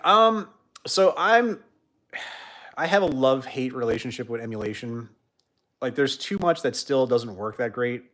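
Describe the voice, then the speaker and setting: A young man hosting a casual livestream chat, rambling with many fillers and trailing off quietly at the ends of sentences. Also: medium pitch. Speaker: host.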